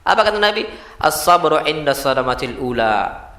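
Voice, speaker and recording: A male preacher giving a lively mosque sermon, posing rhetorical questions to his listeners and answering them himself, with Arabic quotations mixed in. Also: fairly high pitch, normal speed. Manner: addresses listeners as "Pak", quotes Arabic sayings. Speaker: Islamic preacher. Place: mosque hall. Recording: echoey mosque hall.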